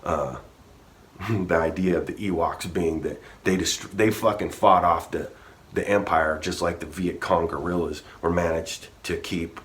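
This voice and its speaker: A man rambling through a history story in a casual, profane rant, restarting often and swearing freely. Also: deep voice.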